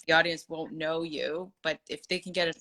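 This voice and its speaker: A woman hosting a live online interview, asking encouraging, unhurried open questions. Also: low voice, fairly even intonation, sharp tone. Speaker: interview host.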